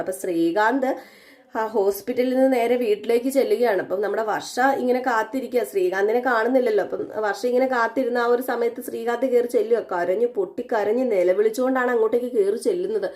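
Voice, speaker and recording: Fast chatty woman recapping a serial, laughs at herself, mellow voice. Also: a little high. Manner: chatty, self-deprecating, addresses viewers. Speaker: serial reviewer. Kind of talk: casual retelling of a TV serial episode.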